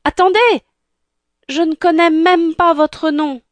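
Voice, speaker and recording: A woman voicing a young prince in a storybook reading, calling out high and urgent. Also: steady tone, takes it slowly, no room sound. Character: young prince, bewildered and pleading.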